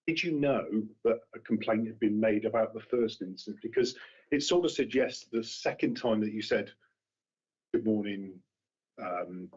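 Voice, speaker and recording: A man's voice: on the low side, normal speed, darkish tone, husky. A man on a council committee, questioning a colleague and restarting his questions as he searches for words. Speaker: committee member. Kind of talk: formal questioning. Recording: dull lo-fi meeting room audio.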